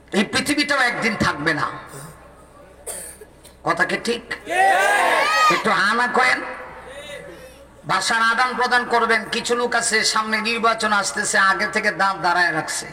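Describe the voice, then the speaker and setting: A man from Bangladesh preaching a fiery sermon at an outdoor religious gathering, calling out to the crowd for answers and building to near-shouting peaks. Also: high-pitched. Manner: rousing, calls out to the crowd for replies; rises to near-shouting climaxes. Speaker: Islamic preacher. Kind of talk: fiery open-air sermon. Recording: echoey public address from a distance.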